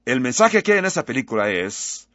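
A man's voice: mid-range voice, sing-song, brisk, pushed and bright, no room sound, lo-fi sound. A male preacher giving a sermon, telling a story and closing in prayer.

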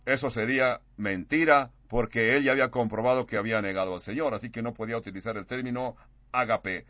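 A man preaching a sermon, acting out quoted dialogue with big swings in pitch and loudness. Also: fairly even intonation, quick pace, no room sound, highs cut off.

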